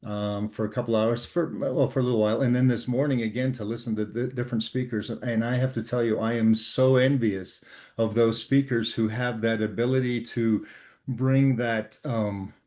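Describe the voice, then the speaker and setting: An older man from Canada, a guest author on leadership, telling a work story in an earnest, measured way with frequent pauses and fillers. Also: mid-range voice, steady tone, darkish tone. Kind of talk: storytelling interview talk.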